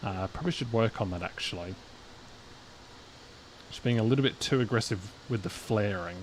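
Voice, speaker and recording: Lowish-voiced man streaming a flight simulator. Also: normal speed, poor audio. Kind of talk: casual live gameplay commentary. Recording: low game engine rumble behind voice.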